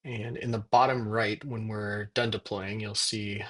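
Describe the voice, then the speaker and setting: A man giving a casual software tutorial, thinking aloud as he works at his computer. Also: fairly low pitch, flat delivery. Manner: thinks aloud while typing, dictating prompts in slow pieces. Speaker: software demo presenter. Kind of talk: casual screen-recorded tutorial narration.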